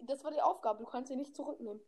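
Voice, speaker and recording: Teasing teenage girl, slightly high voice. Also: rapid-fire, dark tone, a little hiss or hum. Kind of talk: casual chat game.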